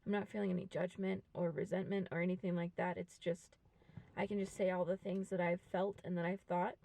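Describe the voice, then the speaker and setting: A woman in her twenties talking frankly and reflectively to a camera, with many pauses. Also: on the low side, little pitch movement, creaky, warm tone. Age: 20s. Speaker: vlogger. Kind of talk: candid personal monologue to camera. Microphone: camera mic.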